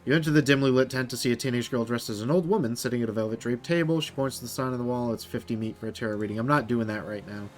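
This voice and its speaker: A man's voice: mid-range voice, very fast, few pauses, soft background music. A man chatting casually through a let's play, with rambling, self-mocking asides. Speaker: gamer.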